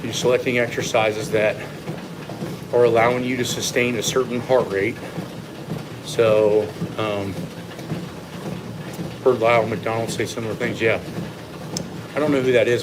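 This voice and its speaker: A man who coaches fitness, talking casually to livestream viewers in a measured, opinionated way while walking on an incline treadmill. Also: lowish voice. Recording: loud steady treadmill machine noise. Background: treadmill running noise.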